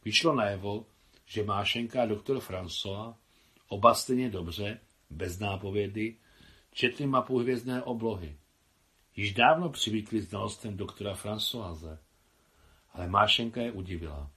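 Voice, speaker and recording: A man reading his own translation of a novel aloud in a measured, unhurried audiobook narration. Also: on the low side, pushed and bright.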